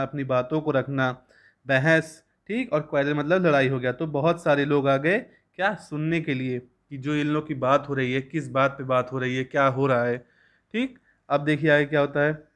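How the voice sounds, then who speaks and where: A young man teaching a school English lesson, reading lines slowly and then explaining them at length. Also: a little high, a bit bright.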